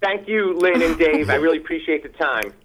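A man's voice: on the high side, a little fast, fairly bright tone, rough recording. A man speaking as an industry guest in an interview, hesitant with restarts. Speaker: guest from an ingredient supplier. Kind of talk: interview talk.

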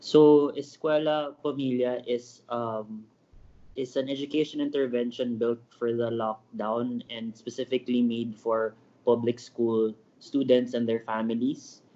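A man's voice: medium pitch, steady tone, unhurried, warm tone. A man answering interview questions over an internet call. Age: 30s. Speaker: guest, education project founder. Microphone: Skype call. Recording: slightly dull internet call audio.

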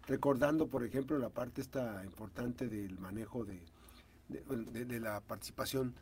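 A man with a Mexican Spanish accent, an interviewer asking long, rambling questions that climb in pitch for emphasis. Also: normal speed, a little mellow, husky.

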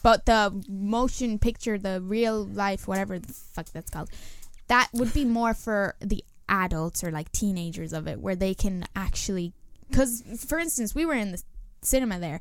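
A woman's voice: medium pitch, moderate pace. A woman in casual podcast chat, blunt and sweary, laughing often.

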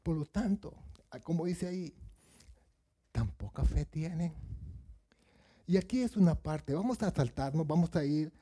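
A man's voice: on the high side, a little fast, dark tone, slightly rough. A man preaching a sermon, asking the congregation questions and acting out Bible voices.

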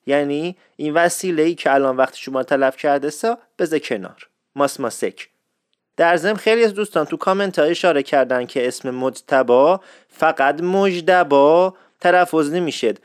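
Playful Isfahani-accented man, fairly high voice. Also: dry recording, clean studio sound. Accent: Isfahani Persian. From Isfahan, Iran. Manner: playful, chatty, teasing. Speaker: host. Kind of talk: casual explanatory monologue.

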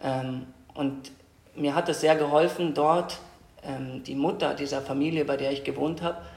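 A young man from Austria speaks as an interview guest. His voice sits a bit high and stays flat, almost monotone, as he thinks aloud with frequent hesitations. The sound is roomy and echoey. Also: moderate pace, gravelly. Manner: hesitant, reflective, many fillers and restarts. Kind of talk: personal storytelling in a podcast interview. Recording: echoey room.

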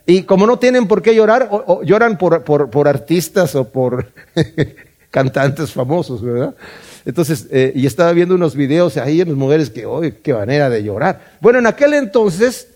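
A man's voice: fairly high pitch, expressive, moderate pace, darkish tone. A middle-aged man from Mexico with a Mexican Spanish accent, teaching a Bible study in a conversational way, often repeating words and asking "¿verdad?".

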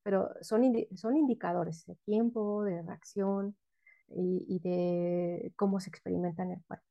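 A woman's voice: on the low side, fairly even intonation, unhurried, gravelly, highs cut off. A woman, a guest expert explaining emotional education in an interview, often asking questions and answering them herself.

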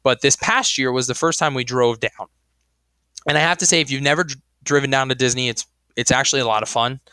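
A man's voice: medium pitch, fairly quick, pushed and bright, clean tone, dry recording. A young man co-hosting a podcast in casual chat, rambling with lots of fillers and restarts. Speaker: podcast co-host.

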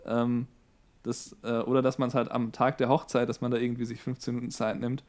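Calm man chatting on a podcast. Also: mid-range voice, brisk. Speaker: wedding photographer, podcast co-host. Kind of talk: casual podcast chat.

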